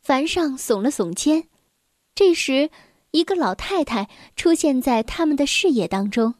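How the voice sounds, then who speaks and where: A woman storyteller reads a children's story slowly and gently in a high voice. The sound is close and dry, with no room around it. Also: lively intonation, no room sound.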